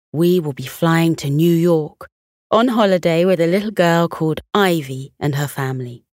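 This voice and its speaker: A woman hosting a children's bedtime podcast, narrating gently and soothingly in a soft, hushed relaxation style. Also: on the low side, no room sound, studio quality.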